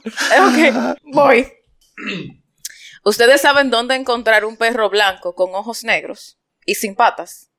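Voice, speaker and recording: A woman's voice: fairly high pitch, steady tone, slow, long pauses, a bit bright. A woman trading jokes in a playful, giggly casual chat. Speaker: joke teller.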